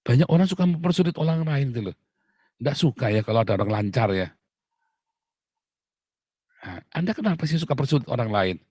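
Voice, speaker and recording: Male preacher, chatty sermon, mid pitch, dry close sound. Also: no room sound. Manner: lively, chatty preaching with frequent laughs, addresses listeners as "saudara".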